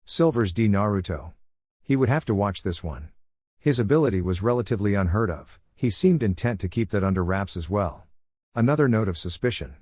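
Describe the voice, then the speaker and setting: Low-voiced man narrating a story. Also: animated, brisk, a little mellow, husky, no room sound, clean studio sound.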